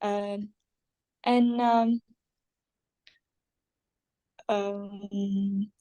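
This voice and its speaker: Hesitant woman student, slow and halting. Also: mid-range voice, level tone, warm tone. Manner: hesitant, many ums and uhs, searching for words. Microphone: video call.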